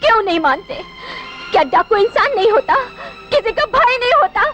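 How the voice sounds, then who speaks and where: A woman's voice: very high voice, expressive, brisk, loud music behind the voice. An actress playing a young orphaned village woman who begs her brother through tears, in 1980s film acting. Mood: anguished. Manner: desperate pleading. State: crying.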